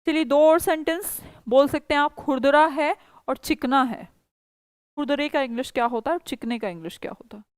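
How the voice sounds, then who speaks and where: A woman teaching a spoken English class, explaining patiently and saying example sentences slowly. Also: high voice, no room sound. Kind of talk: online class teaching, mixing Hindi and English.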